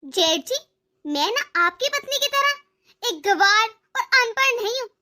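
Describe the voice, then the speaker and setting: A woman's voice: very high voice, animated, slow pace, sharp tone, heavily acted. A woman voicing a spoiled haughty young bahu. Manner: haughty, sassy.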